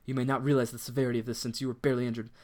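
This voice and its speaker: A man's voice: medium pitch, little pitch movement, racing, darkish tone, natural voice. A man voicing a stern, reproachful wealthy middle-aged father in a game.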